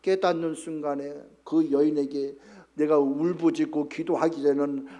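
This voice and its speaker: A man's voice: a little high, steady tone, moderate pace, warm tone. A male pastor delivering an emphatic sermon in church, often calling out to the congregation.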